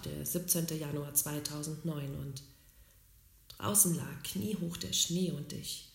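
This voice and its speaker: A woman calmly and earnestly telling her own life story in a reflective way. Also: fairly low pitch, vocal fry. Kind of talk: personal storytelling. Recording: roomy, echoey recording.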